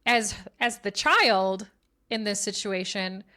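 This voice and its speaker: A woman's voice: mid-range voice, lively intonation, slow pace, pushed and bright. A woman co-hosting a casual podcast, reasoning her point through earnestly. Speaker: podcast co-host.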